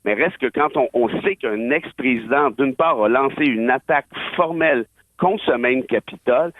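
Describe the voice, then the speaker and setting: A political and legal pundit with a Québécois accent argues his views emphatically on the radio, adding dry, wry remarks. His mid-range voice keeps a moderate pace, and the phone-line audio is tinny and dry.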